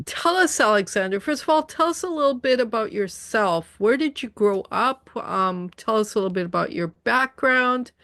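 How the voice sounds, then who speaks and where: A woman's voice: on the high side, animated, normal speed, few pauses, a bit bright, dry recording. A woman from Canada hosting an online interview, asking easygoing questions with some fillers. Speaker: interview host. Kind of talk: casual interview. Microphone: video call.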